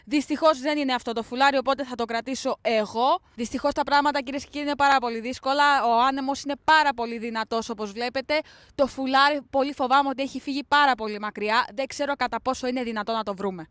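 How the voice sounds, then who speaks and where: Woman as a news reporter, solemn, high voice, dry close sound. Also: fairly even intonation, fairly bright tone, no room sound. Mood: mock-serious. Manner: mock-serious newsreader delivery.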